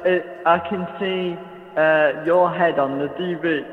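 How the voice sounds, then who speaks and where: A man's voice: a little high, steady tone, a little slow. A man phoning in to a radio show, sounding echoey and hollow, as if down a well, and talking shyly and hesitantly. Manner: shy, laughing, hesitant. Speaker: caller. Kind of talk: casual chat. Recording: echoey tinny phone line with long reverb.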